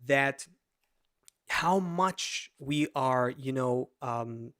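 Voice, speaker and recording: A man in his thirties, a podcast co-host, tells a story in casual conversation, animated and full of restarts, over a video call. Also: mid-range voice, drawn-out words.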